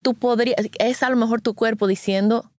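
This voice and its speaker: A woman's voice: fairly high pitch, steady tone, a little fast, dry recording, clean studio sound. A woman in casual chat, supportive and often chiming in.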